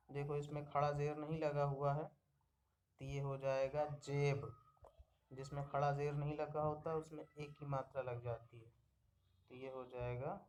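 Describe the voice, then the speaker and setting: A man teaching young pupils the alphabet in a slow screen-recorded lesson, patiently repeating each word and checking in after each one. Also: fairly high pitch, a little mellow, slight background noise.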